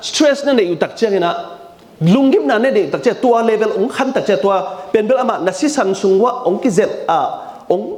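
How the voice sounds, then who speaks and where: A man delivers a sermon with a high voice that swoops up and down as he talks. He repeats phrases for emphasis and drops English terms into his preaching. The sound bounces around an echoey room. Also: fast. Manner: lively, animated delivery with frequent repetition.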